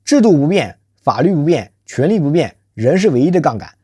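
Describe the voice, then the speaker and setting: Husky, lively commentary host. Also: medium pitch, fairly quick, dry recording, studio quality. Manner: rhetorical, emphatic, poses questions to listeners; calls self by nickname in third person. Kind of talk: scripted social commentary monologue.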